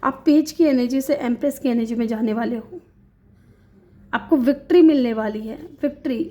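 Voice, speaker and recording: High-voiced woman giving a tarot reading. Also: normal speed, dark tone. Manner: reassuring, repeats short check-ins to the viewer; mixes English words into Hindi speech. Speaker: tarot reader. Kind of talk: tarot reading addressed to viewers.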